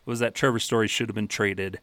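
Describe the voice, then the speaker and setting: A man hosting a sports podcast, brisk and matter-of-fact, rattling off statistics. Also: lowish voice, steady tone, a bit bright, dry recording. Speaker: podcast host. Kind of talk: sports podcast, reading stats.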